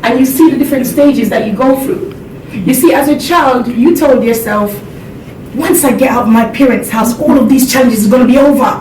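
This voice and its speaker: A Jamaican woman, a motivational speaker, talks a little fast in an earnest seminar address and laughs with the crowd. Her fairly high voice comes from a distance in a reverberant hall over a steady background rumble.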